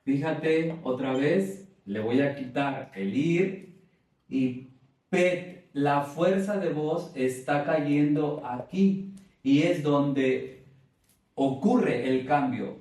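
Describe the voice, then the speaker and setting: A man with a Mexican accent teaching a Spanish grammar lesson, speaking deliberately and stressing syllables to demonstrate them. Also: fairly high pitch, a little mellow. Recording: very echoey room, from far off.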